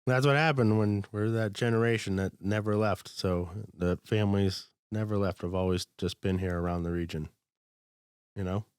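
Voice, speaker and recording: Easygoing low-voiced man hosting. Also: steady tone, normal speed, darkish tone, smooth, no echo, studio quality. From Pittsburgh area, US. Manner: easygoing, laughs often, many listening hums. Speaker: podcast host. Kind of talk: casual interview chat.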